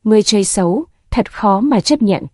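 A comic Taoist man blusters and whines in a husky, mellow voice, as a woman narrator plays him. The storybook read is recorded dry and close. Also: mid-range voice, lively intonation, fairly quick, no echo, close to an everyday voice. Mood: whiny, blustering.

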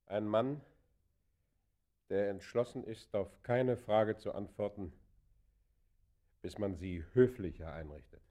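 In a German radio play, an actor voices a proud, defiant traveller under arrest who answers tersely, haughtily, guardedly and formally. His male voice is fairly low and warm, delivered slowly with long pauses.

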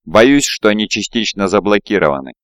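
A man's voice: lowish voice, sing-song, fairly quick, no echo, studio quality. Man doing a panicky babbling technician. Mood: panicked.

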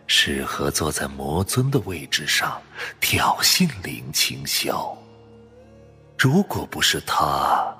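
Raspy sealed demon spirit. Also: male voice, extremely low pitch, pushed and bright, pitched below the performer's own voice, heavily acted. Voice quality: raspy, slow taunting, half-whispered. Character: sinister male demon spirit sealed in a jar. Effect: heavy reverb. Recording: long echoing reverb effect.

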